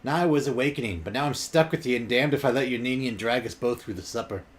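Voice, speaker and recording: A man's voice: mid-range voice, fast, voice pushed up, lightly acted. A man voicing a scornful, defiant female spirit who shares an elf's body, reading her lines with a sneer.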